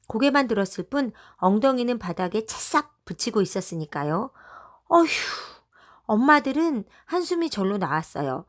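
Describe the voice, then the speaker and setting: Lively woman reading a children's story. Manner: lively, voices the mothers with quick pitch jumps. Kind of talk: storybook read-aloud for children.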